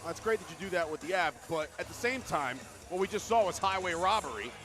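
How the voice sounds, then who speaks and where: Male wrestling play-by-play announcer, high-pitched, exasperated, argumentative, over loud music. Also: lively intonation, quick pace. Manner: exasperated, argumentative with his co-commentator. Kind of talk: excited live wrestling commentary.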